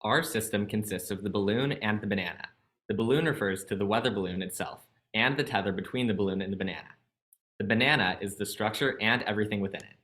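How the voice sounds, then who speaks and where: A young man from California opening and presenting a student project on a video call, polite and measured. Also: lowish voice, a bit bright.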